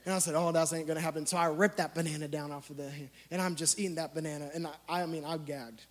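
High-voiced man preaching in a big hall. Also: quick pace. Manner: animated, self-mocking storytelling. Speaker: youth speaker. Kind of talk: storytelling sermon. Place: large church hall. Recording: long hall reverb.

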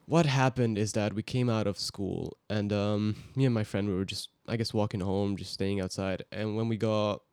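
Relaxed teenage guy with low voice. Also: moderate pace, few pauses, smooth, dry recording. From Hungary. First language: Hungarian. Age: teens. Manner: relaxed, rambling storytelling with fillers. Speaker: guest. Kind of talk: casual podcast chat.

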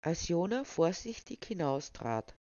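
A storyteller reads a humorous tale aloud in a steady, wry manner. The recording is dull and lo-fi, with a dry, close sound and no room echo. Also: mid-range voice, unhurried.

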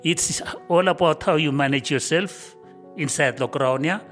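Male interviewee, fairly high voice, informal and emphatic delivery, light music behind. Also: moderate pace, a bit bright. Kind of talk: informal spoken testimony. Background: faint music.

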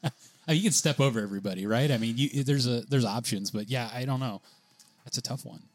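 A man's voice: mid-range voice, fairly quick, no room sound. A man co-hosting a casual gaming podcast, chatty and laughing often as he reads rules aloud. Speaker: podcast co-host.

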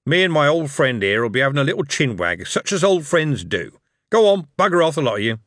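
A man's voice: mid-range voice, big pitch swings, brisk, fairly bright tone, no echo, clean studio sound, pitched above the performer's own voice. A man voicing a jovial, shrewd older male tycoon who talks in coarse, chummy street slang. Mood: hearty.

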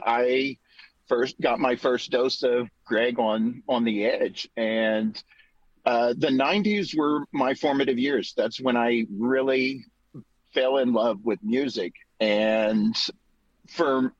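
A man speaking as a guest in a casual personal tribute, with hesitant, halting phrasing, over a video call. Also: medium pitch, no echo. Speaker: guest, podcaster and DJ. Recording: dull dry video-call audio.

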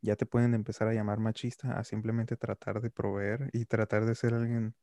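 A young man on a podcast, calmly explaining his views in casual conversation. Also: on the low side, brisk, no echo, studio quality. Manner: calm, reflective explaining. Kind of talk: casual chat.

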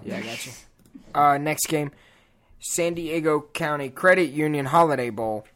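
A man's voice: fairly high pitch, normal speed, fairly bright tone. A young man hosting a casual sports chat, steadily running through a list of games. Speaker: host.

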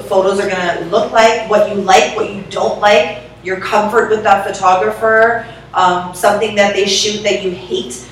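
A woman's voice: medium pitch, a little hiss or hum. Chatty woman in an echoey room. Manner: chatty, emphatic, laughs easily. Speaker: event planner, podcast co-host. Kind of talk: casual chat. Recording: echoey room, mic at a distance.

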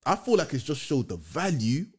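Young male co-host, London roadman accent, slightly high pitch, casual slang, repeats agreement. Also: very animated, moderate pace, slightly rough. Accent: London roadman, multicultural London English. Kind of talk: casual chat, heavy street slang.

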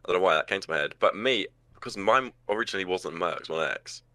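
A man's voice: deep voice, lively intonation, sharp tone, no echo. A seventeen-year-old man, co-hosting a podcast and rambling through stories in casual talk. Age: teens. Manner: rambling, quick storyteller. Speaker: podcast co-host. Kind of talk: casual chat.

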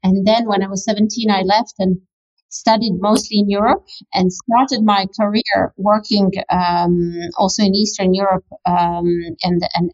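A woman from Bosnia talks through her career as a podcast guest, pausing often with fillers and restarting sentences. Her voice comes through slightly dull and lo-fi. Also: medium pitch, darkish tone. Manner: hesitant, many fillers and restarts. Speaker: venture capital investor. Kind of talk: interview guest telling her background.

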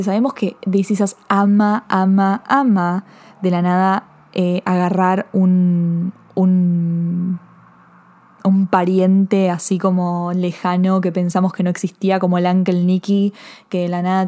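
A woman with an Argentine accent casually reviewing a TV episode, rambling and excitable, full of fillers and restarts. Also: medium pitch. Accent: Argentine Spanish. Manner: excitable, emotional. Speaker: TV series reviewer.

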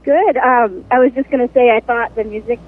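A woman's voice: a little high, steady tone, brisk. Woman on a hollow, tunnel-echo phone line. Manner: giggly, laughs between remarks. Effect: hollow echoing phone sound, as if in a tunnel. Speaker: phone-in caller. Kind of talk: casual chat. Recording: tinny phone line with faint hiss.

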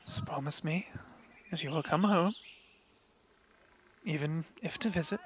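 A soft-spoken middle-aged father in a tabletop tale, hushed and low, tender with his child but quietly deadly to anyone who would harm her, as a man puts him on. The voice is bright and edged, and the recording sounds a little dull and lo-fi. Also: expressive, normal speed, a little hiss or hum. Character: gentle, emotional middle-aged father, protective.

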